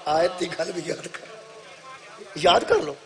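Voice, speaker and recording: A middle-aged man with a Punjabi accent preaching a sermon at a religious gathering, telling a story that swings between loud declaiming and soft asides, repeating phrases for effect. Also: high-pitched, lively intonation, crowd noise. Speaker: Shia cleric preaching at a majlis. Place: religious gathering before an audience.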